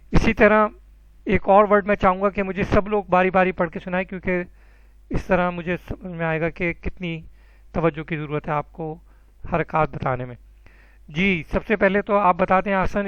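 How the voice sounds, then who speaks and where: High-pitched guy teaching arabic online, encouraging, dry dull audio. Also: clear, resonant tone, no echo. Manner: patient, encouraging, calls students by name.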